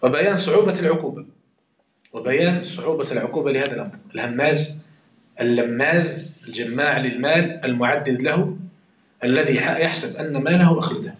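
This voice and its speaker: A man's voice: medium pitch, fairly quick. A man with an Algerian Arabic accent giving an informal Quran commentary lesson, chatting with his listeners, swearing oaths and checking that they follow. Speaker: Quran teacher. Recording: roomy, dull lo-fi recording.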